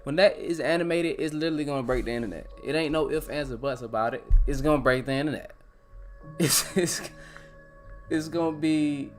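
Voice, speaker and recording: A young man hosting a casual live stream. He talks in an animated, excitable way, swears freely and keeps saying "bro". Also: fairly high pitch, fairly quick, soft background music. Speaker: live-stream host reacting to manga.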